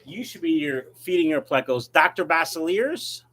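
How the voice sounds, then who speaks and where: A man's voice: fairly high pitch, lively intonation, moderate pace, fairly bright tone. A man hosting a casual livestream, reading viewer questions and answering them in a blunt, offhand way. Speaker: livestream host, aquarium fish breeder.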